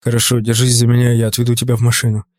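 A man voicing a calm, protective young man in an audiobook, speaking low, quiet and steady. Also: a little fast, lightly acted.

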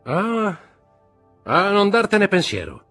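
Cocky young man, fast, clipped, raised pitch, as a male reader voices him, husky, faint music. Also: very animated. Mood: impatient. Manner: quick, clipped, offhand.

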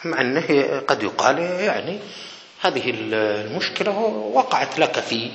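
A man's voice: mid-range voice, animated, normal speed, a bit bright. A man, a professor giving a critical lecture-style talk in a sarcastic manner. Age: 40s. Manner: sarcastic, mimics dialogue. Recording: echoey hall with faint noise.

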